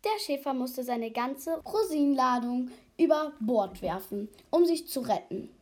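A woman's voice: sits high, animated, measured pace, a little mellow. A woman reading a fable aloud carefully, with small slips. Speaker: reader.

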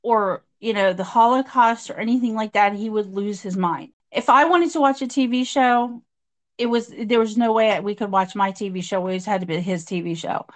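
A woman's voice: mid-range voice, moderate pace. A middle-aged woman telling her story in a conversational interview, acting out what others said. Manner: animated storyteller, acts out quotes. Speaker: guest describing past abuse.

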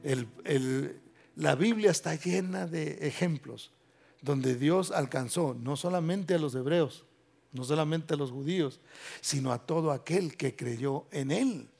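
Pastor, male, slightly high voice; fiery sermon, faint music underneath. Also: vocal fry, slightly rough. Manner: rises to loud emphatic preaching; reads scripture slowly and solemnly.

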